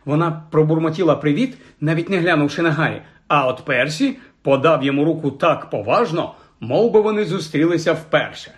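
A man narrating an audiobook in a lively, expressive way. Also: on the high side, fairly quick, few pauses.

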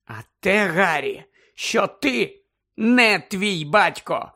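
A man voicing a worried, strict middle-aged mother who nearly shouts in her arguments. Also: animated, slow pace, heavily acted. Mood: agitated. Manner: shrill, pleading, nearly shouting.

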